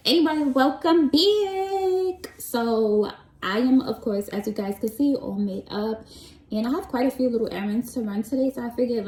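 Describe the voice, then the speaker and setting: A young vlogger from Queens rambles casually to her followers while doing errands, speaking with a New York accent. Her medium-pitched voice has a warm tone, though the recording is low quality.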